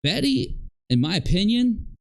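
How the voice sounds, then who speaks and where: A video creator hosting a livestream rambles through a casual rant, emphatic, repetitive and accusatory. His high voice is sing-song with vocal fry, and he talks a little slowly.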